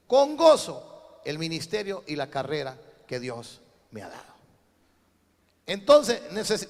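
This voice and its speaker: Male pastor, high gravelly voice, preaching with call-and-response, echoey hall. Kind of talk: sermon.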